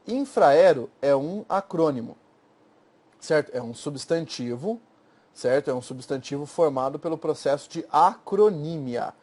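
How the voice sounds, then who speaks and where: High-voiced Brazilian man teaching grammar. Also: animated, unhurried, darkish tone. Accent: Brazilian Portuguese. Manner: explains step by step, checking in with frequent "tá?" and "certo?"; slangy and informal at times. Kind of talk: recorded exam-prep lecture.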